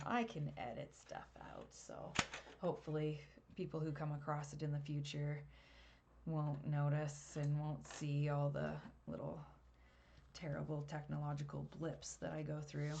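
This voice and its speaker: A woman with a fairly low voice talks through a live drawing lesson, explaining each step as she works. She is chatty and laughs at her own slips. She is picked up by a webcam mic. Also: creaky, slight background noise. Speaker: art teacher.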